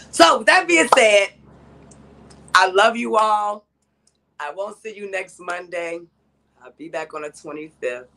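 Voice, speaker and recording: A woman's voice: sits low, a bit bright. Earnest faith-driven woman podcast host. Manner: earnest, faith-filled, speaks straight to listeners; loose and conversational, self-correcting. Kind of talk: heartfelt solo podcast monologue.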